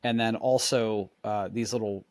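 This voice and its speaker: A man co-hosting a podcast, chatting in a relaxed, explanatory way and demonstrating as he talks. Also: on the low side, normal speed, dry recording. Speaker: podcast co-host. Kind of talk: casual chat.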